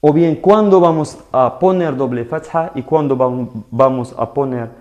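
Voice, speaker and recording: A man teaching a live online lesson in Spanish, explaining slowly and patiently and often checking that his students follow. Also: medium pitch, a little mellow, lo-fi sound. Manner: slow, patient explaining with frequent "¿vale?" checks. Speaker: Arabic teacher.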